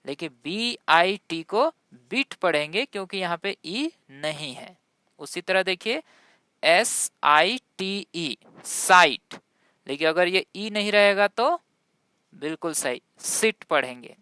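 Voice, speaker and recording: A woman's voice: lowish voice, pushed and bright, smooth, dry recording, clean studio sound. A woman with Hindi as her first language teaching English pronunciation, spelling words out letter by letter and quizzing her viewers as she goes. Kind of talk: classroom-style spoken lesson.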